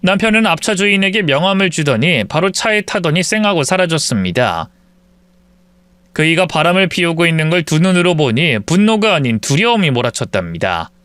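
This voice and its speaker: A man's voice: on the high side, very animated, brisk, fairly bright tone, clear, resonant tone, dry recording. A man narrating a real-life story in first person as the wife, also voicing her quoted lines in arguments. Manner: reads the wife's part in first person, voicing both sides of arguments.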